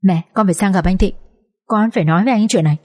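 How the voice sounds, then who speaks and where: A woman's voice: medium pitch, rapid-fire, a little mellow, close to an everyday voice. A woman voicing a young wife who pleads with her unconscious husband in a tearful, choked voice. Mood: tearful, pleading.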